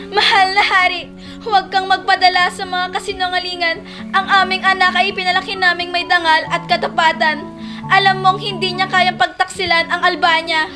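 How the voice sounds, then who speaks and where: A devoted mother pleads earnestly, played by a woman in old-style radio drama. Her very high voice stays on a fairly level line, with clear music behind it. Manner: earnest, imploring.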